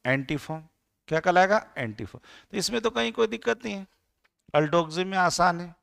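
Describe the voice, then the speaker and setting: A male chemistry teacher from India lectures in a slightly raised voice, drilling his class with quick repeated questions. He switches between Hindi and English technical terms. The sound is dry and close, with no room echo. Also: high-pitched, lively intonation, gravelly, fairly bright tone.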